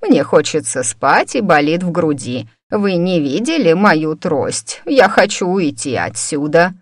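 A woman reading an audiobook voices a frail, bitter old woman who has lost her magic; she speaks slowly and quaveringly, then shouts in anger. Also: on the low side, very animated, no room sound, studio quality. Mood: weary, stubborn. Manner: slow, quavering, flares into angry shouts.

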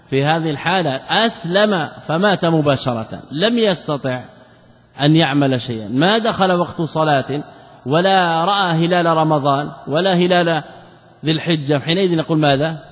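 A man's voice: fairly high pitch, moderate pace. A man, a sheikh, explaining a classical religious text in a lesson. He poses rhetorical questions, answers them himself, and repeats key words for emphasis. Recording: dull lo-fi recording with long hall reverb.

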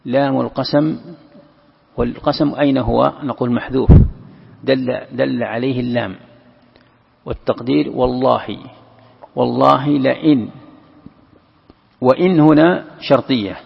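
A man teaching a Quran commentary lesson, explaining step by step, repeating key phrases and slowing down to recite verses. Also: medium pitch, fairly even intonation, gravelly, husky. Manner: explains step by step, repeats key phrases, asks and answers his own questions. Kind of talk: classroom commentary on a classical text. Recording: lo-fi recording in a long-reverb hall.

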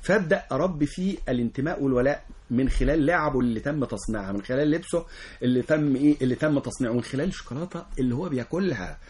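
A man's voice: medium pitch, expressive, rapid-fire, a little mellow, slightly rough. A man with an Egyptian Arabic accent, an education lecturer who is a talk show guest. He explains his views earnestly and in a lecturing way, often acting out example dialogues. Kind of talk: explanatory interview answers.

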